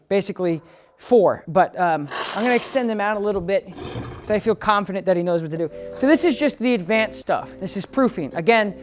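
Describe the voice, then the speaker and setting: A man working as a dog trainer, casually explaining his method to viewers and breaking into high, upbeat praise and commands for the dog. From United States. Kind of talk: instructional training demo. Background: background music.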